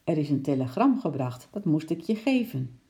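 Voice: mid-range voice, sing-song, normal speed, mellow. A narrator voicing Lotje, a curious, eager young girl who pleads and calls out. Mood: pleading. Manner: pleading, raised voice.

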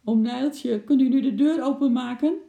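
A reader voicing an impatient young girl in a children's storybook, speaking higher and eager, with a roomy echo. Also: moderate pace, creaky, mellow, lightly acted. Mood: pleading.

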